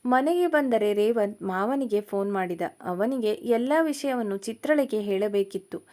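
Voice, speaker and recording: A woman reading a story aloud as a narrator, in an even, measured manner. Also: mid-range voice.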